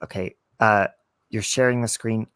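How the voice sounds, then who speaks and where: A man's voice: fairly low pitch, fairly even intonation, moderate pace, fairly bright tone, smooth, no room sound. A man chatting as a guest on a live stream, playful and giggly. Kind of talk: casual live-stream chat.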